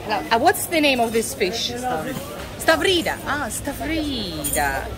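A Russian woman with a Russian accent vlogging while walking through a fish market, chatting with sellers in halting English with many fillers. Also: fairly high pitch, very animated, music in the background. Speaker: travel vlogger. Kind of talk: casual walking vlog. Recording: busy crowded market in the background. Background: market crowd.

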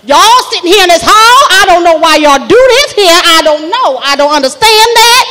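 A woman's voice: very high-pitched, expressive, normal speed, sharp tone, long reverb tail, slight background noise, heavily acted. A woman doing a no-nonsense Southern auntie. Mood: stern. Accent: American Southern.

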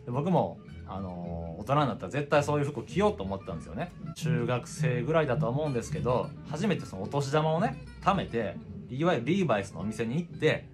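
A man, telling a personal story in a casual, expressive, conversational vlog style. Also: medium pitch. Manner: expressive, conversational, acts out past reactions. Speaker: video presenter. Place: small indoor room with records and guitars.

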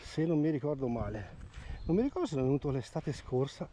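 A man's voice: on the high side, brisk, a little hiss or hum. A man magnet fishing by a river, chatting through his finds in a casual vlog and repeating words when something turns up. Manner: excited, repeats words while pointing out finds. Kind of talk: casual outdoor vlog commentary. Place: outdoors by a river.

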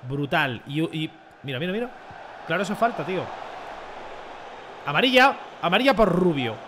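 Young man, high voice, playful game commentary, loud outbursts. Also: very animated, brisk, background noise. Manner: joking, bursts into shouts at plays. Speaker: gaming streamer. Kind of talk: excited gameplay commentary.

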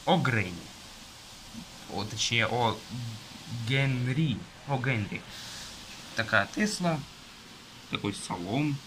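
A young man with a bright, forceful tone talks casually while filming a magazine from above on his phone. He lists items haltingly with fillers, in a plain indoor room. Faint rain patters in the background. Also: mid-range voice, lively intonation, a little hiss or hum, poor audio. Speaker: magazine reviewer. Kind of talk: casual page-flipping review. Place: indoors at a table, rain outside. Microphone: phone camera filming from above.

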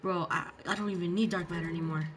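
A man's voice: high voice, steady tone, quick pace, fairly bright tone. A male gaming video host giving casual gameplay commentary with slangy, bro-heavy talk. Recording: background game noise.

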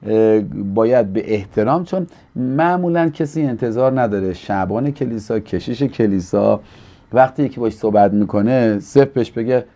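A male pastor from Iran, with a mellow mid-range voice, teaches earnestly on a studio talk show. His delivery is preacherly, and he acts out the people he quotes in a livelier voice.

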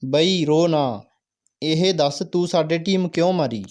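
A man reading as a kind, gentle king. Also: on the high side, a little slow, natural voice. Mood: kindly. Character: kind, generous old-time king.

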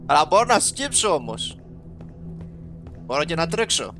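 A young man giving casual, excitable let's-play commentary as a gaming YouTuber, talking straight to his viewers. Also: a little high, soft background music. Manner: excitable, talks to viewers, sprinkles English game terms.

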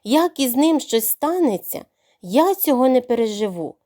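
A woman's voice: fairly high pitch, big pitch swings, moderate pace, mellow. A woman voicing a worried, protective mother duck in a storybook. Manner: anxious and protective.

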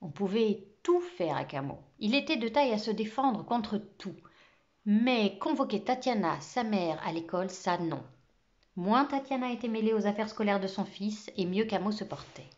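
A woman reading a children's novel aloud in a lively, expressive storytelling manner. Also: mid-range voice, normal speed, dull audio. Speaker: reader.

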